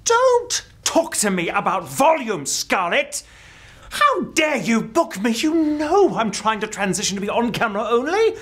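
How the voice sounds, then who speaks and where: A pompous male voice actor with a British accent in a web comedy. He is full of indignation and very animated in pitch. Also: measured pace, heavily acted. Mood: indignant. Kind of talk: scripted comedy acting.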